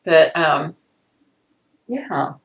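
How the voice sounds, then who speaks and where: Rambling older woman, a lowish voice. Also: lively intonation, drawn-out words, vocal fry, poor audio. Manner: rambling, hesitant, breaks into laughter often. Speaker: client in a healing session. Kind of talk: talking through memories in a session.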